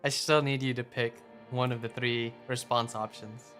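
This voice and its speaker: Young guy streaming, mid-pitched, laid-back, lots of uhs, soft music under. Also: fairly even intonation. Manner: laid-back, chuckling, halting with fillers. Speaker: developer and streamer. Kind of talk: casual live stream chat.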